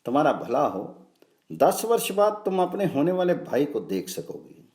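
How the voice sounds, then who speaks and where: A devout, imploring mother goddess of scripture speaks with earnest pleading, as a man reads her lines. The voice swings through a wide, lively pitch range on a mellow, warm tone. A roomy echo surrounds it. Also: moderate pace. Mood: tender.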